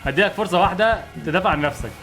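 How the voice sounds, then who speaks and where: A man's voice: high voice, racing, a bit bright, soft background music. A man voicing a suspicious, stern man who questions a stranger and threatens him, with an Egyptian Arabic accent.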